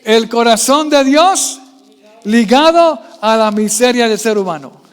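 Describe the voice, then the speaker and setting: A man with a strikingly high voice preaches a sermon, constantly quizzing his congregation with questions. He swings between quiet, low asides and loud, raised passages. His voice trails off into a long reverb from the church hall. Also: animated, a little slow, smooth. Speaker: pastor.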